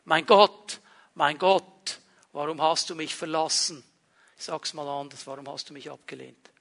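Male preacher, high voice, bright and tense tone, sermon, emphatic then hushed, slow stressed phrases. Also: vocal fry. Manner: swings from emphatic declaring to hushed, intimate lows.

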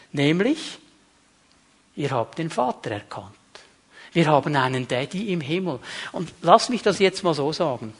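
Male preacher, middle-aged, high voice, emphatic, swings between hushed and raised. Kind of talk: sermon.

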